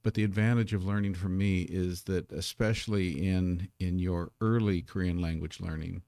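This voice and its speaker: A native English-speaking man teaches a live Korean lesson from his streaming desk, casual and self-deprecating, repeating words as he sets up. His deep voice is creaky and mellow, with a steady tone at normal speed and no echo.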